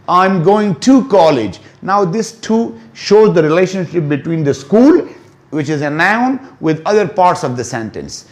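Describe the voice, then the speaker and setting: Slow-paced teacher explaining grammar. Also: male voice, a little high. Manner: explains slowly, switching between Hindi-Urdu and English, drawing out example words. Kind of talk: classroom lecture.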